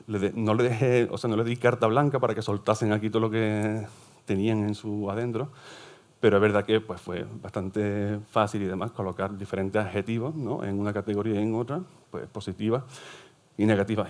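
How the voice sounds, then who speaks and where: Low-voiced man. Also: a little mellow. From southern Spain. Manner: explanatory, often checks in with "¿vale?". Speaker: primary school teacher and psychopedagogue presenting at a forum. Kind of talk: conference talk.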